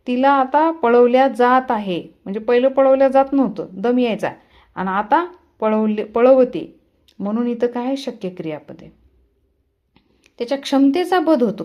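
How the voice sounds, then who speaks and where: A woman's voice: on the high side, muffled recording. A woman teaching a grammar lesson, explaining step by step and asking and answering her own questions.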